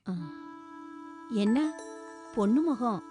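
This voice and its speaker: A woman's voice: fairly high pitch, extremely slow, over music. An actress playing the groom's approving mother in a TV serial. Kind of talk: TV serial acting.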